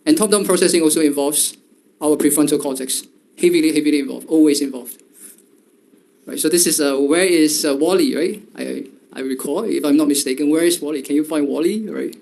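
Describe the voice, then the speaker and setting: A man's voice: on the high side, brisk, creaky, darkish tone. A male lecturer giving a university lecture, talking in a loose way full of fillers and repeated "right?" checks.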